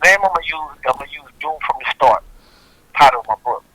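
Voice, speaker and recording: Inmate on a prison phone call. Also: male voice, on the high side, lively intonation, fast talker, bright, forceful tone, a little hiss or hum. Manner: rambling, repeats himself, many fillers. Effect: heard over a prison phone call. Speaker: death row inmate. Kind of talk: recorded phone testimony. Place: prison cell block.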